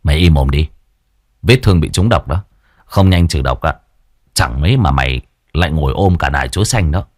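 Man doing a gruff, curt young exorcist. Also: a bass voice, lively intonation, fairly quick, long pauses, no echo, clean studio sound, pitched below the performer's own voice. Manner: curt, blunt, commanding.

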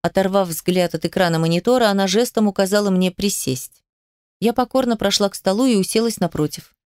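A woman's voice: medium pitch, fairly quick, a little mellow, clear, resonant tone, dry recording, clean studio sound. A woman reading a first-person story aloud in an emotional, intimate way. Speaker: narrator. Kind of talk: first-person audiobook narration.

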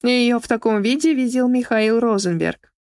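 A woman narrates a novel aloud in an expressive storytelling manner. Her voice sits fairly high. The recording is dry and close, with no room around it. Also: normal speed, no echo. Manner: expressive, shifting into shrill character voices. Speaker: audiobook narrator. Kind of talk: scripted narration.

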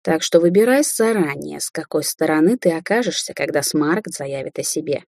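A woman's voice: deep voice, lively intonation, brisk, gravelly, a little mellow, dry recording, studio quality, heavily acted. A woman reading an audiobook, voicing a young sorceress who speaks to her mother sarcastically and tauntingly. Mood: mocking. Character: young adult woman sorceress, mocking daughter.

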